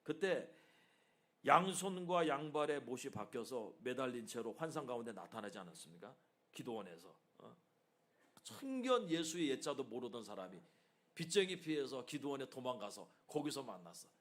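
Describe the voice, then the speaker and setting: Animated Korean pastor preaching. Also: male voice, medium pitch, normal speed. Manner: animated preaching, frequent rhetorical "eh?" asides. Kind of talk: sermon. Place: church sanctuary.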